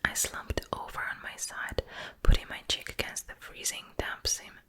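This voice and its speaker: A woman reading a novel aloud in a whispered role-play for ASMR, with a slow, gentle unvoiced whisper on a close microphone that moves from ear to ear. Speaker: ASMR creator. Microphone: close ear-to-ear ASMR mic.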